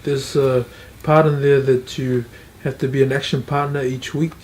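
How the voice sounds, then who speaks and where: A middle-aged man from Tonga, raised in New Zealand, earnestly recounts his experience in a testimonial interview, often repeating and restarting phrases. His voice is medium-pitched, level, and a little mellow, at a normal pace.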